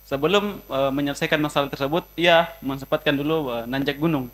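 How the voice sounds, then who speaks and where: A man's voice: fairly high pitch, brisk, a bit bright. Hesitant man questioner. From South Sulawesi. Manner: hesitant, fillers. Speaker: audience member asking a question.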